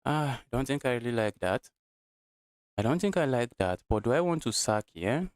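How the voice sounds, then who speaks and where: A man's voice: medium pitch, sing-song, moderate pace, clean tone, no echo, clean studio sound. A Nigerian man streaming live chess, thinking his moves aloud and repeating his phrases as he goes. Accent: Nigerian English.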